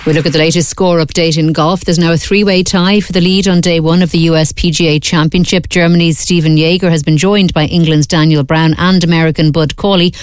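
Smooth-voiced Irish woman reading news. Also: low voice, fairly even intonation, no echo. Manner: measured, formal delivery. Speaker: newsreader. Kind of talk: scripted radio news bulletin. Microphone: studio microphone.

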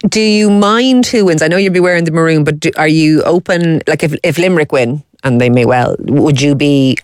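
A woman's voice: deep voice, brisk, darkish tone, smooth, no echo, studio quality. A middle-aged woman with an Irish accent hosting a casual chat, often repeating words and adding asides as she goes. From Ireland. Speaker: host.

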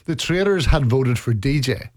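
A man's voice: mid-range voice, expressive, normal speed, darkish tone, no echo. Northern Irish man, dry close sound. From Northern Ireland, County Antrim. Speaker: interview guest, reality show contestant. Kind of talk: casual conversational storytelling.

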